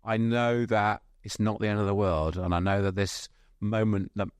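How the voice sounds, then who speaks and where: A middle-aged man hosts a podcast, talking with eager enthusiasm and looping, restarting sentences. His voice sits very low, and the sound is dry and close to the mic. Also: fairly even intonation, moderate pace, clean tone, dry recording. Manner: enthusiastic, rambling with many restarts. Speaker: podcast host. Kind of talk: casual interview chat.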